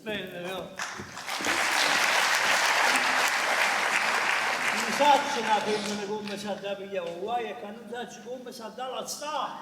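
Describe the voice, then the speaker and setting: A man acting as an evasive married lover in a stage comedy, exasperated and soothing, talking in Neapolitan dialect. He is heard from far off in a reverberant hall with clear noise. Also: sits high, moderate pace, over a noisy crowd, close to an everyday voice. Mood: fretful. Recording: roomy, noisy theatre hall from far off.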